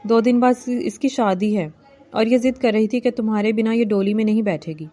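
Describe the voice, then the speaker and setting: Woman reading a weary older mother, affectionate, fairly high mellow voice. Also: fairly even intonation, close to an everyday voice. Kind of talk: novel reading.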